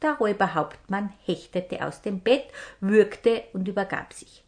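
A woman hosting a herb show, reading a fairy tale aloud slowly and dramatically. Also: mid-range voice, expressive, darkish tone. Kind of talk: storytelling narration.

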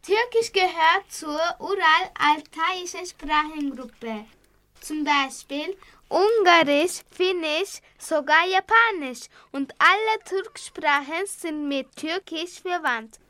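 A young girl reading her lines on a school radio show slowly and carefully. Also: very high voice, bright, forceful tone, dry recording. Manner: slow, careful read-aloud. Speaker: student radio participant.

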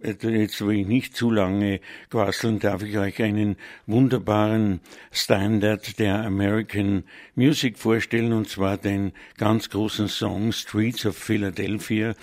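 A man hosts a live music radio show in a lowish, slightly mellow voice, recorded with clean studio sound and no echo. Speaking unscripted with a mildly congested nose, he hesitates, digresses and keeps correcting himself, with music playing under him.

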